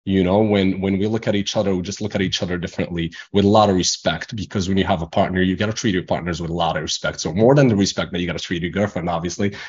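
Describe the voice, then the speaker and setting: A young man from Morocco speaks in a very deep voice, English being his second language. He rambles through his answers with frequent fillers and false starts. The recording is a little dull and lo-fi. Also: steady tone, quick pace, few pauses, slight background noise. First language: not English. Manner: rambling, many restarts and fillers. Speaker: guest entrepreneur. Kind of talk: casual interview talk.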